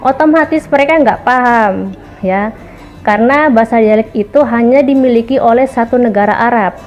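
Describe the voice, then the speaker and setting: A woman vlogger talks casually to her viewers, calling them guys and explaining points one by one in a chatty way. Her voice is a little high with a darkish tone at normal speed. The audio is muffled, with faint background music.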